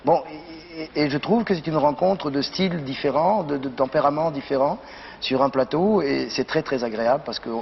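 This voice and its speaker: A man's voice: on the high side, fairly quick, creaky. Actor guy in an interview, kinda hesitant, repeats words, muffled echoey recording. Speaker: stage actor being interviewed. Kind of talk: thoughtful casual interview talk. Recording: dull, reverberant, slightly noisy TV recording.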